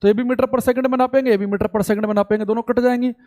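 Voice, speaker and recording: A man teaching a live online class with a high-pitched voice. He speaks informally, calling his students brother, and spells out definitions slowly so they can copy them. He drifts into exasperation over students' audio complaints. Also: fairly even intonation, a little mellow. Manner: addresses students as bhai, repeats key points slowly for dictation.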